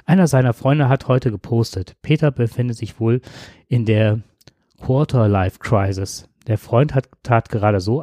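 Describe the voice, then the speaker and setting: A man hosting a podcast, reading a story aloud briskly with casual asides. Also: mid-range voice, warm tone, no room sound, studio quality.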